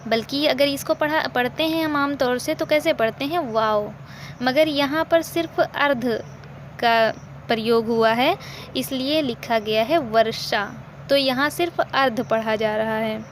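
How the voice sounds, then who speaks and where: A woman with a fairly high voice teaches a language lesson very slowly and deliberately, repeating each example and posing questions she then answers herself. Faint background noise sits beneath her voice.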